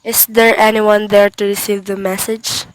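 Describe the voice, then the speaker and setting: Woman as telegram clerk, medium pitch, dry room sound, businesslike, impersonal, formal, radio drama delivery. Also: flat delivery, moderate pace, no echo, natural voice, low-quality recording. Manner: formal, matter-of-fact. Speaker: student actor in a class radio drama. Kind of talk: radio drama acting, reading out a message.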